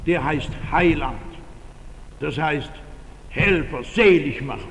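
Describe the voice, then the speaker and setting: A man's voice: on the high side, slow pace, fairly bright tone, long reverb tail, low-quality recording. An older man preaching a sermon in a church, emphatic and repeating his key phrases.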